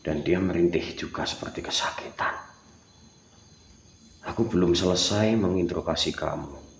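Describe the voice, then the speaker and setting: A man with a deep, low-pitched voice confronts an unseen spirit, barking orders and then dropping into hushed whispers. He sounds like he is in a bare, echoey room, with a faint hiss of ambient noise behind him. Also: normal speed, creaky. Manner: commanding, bursts between loud orders and hushed whispers. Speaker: paranormal ghost-hunting vlogger. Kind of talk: confrontational ghost interrogation. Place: empty house at night.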